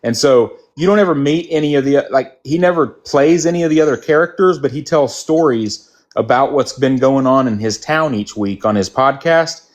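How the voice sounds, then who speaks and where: With a mild Texan accent and a mid-range voice at a moderate pace, a man from Texas hosts a casual group chat. He tells rambling stories, often restarting as he goes.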